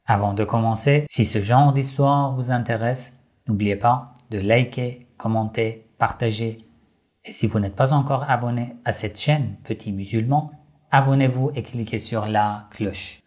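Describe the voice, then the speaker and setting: A man slowly narrating a religious story for children, addressing young listeners gently and deliberately. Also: mid-range voice.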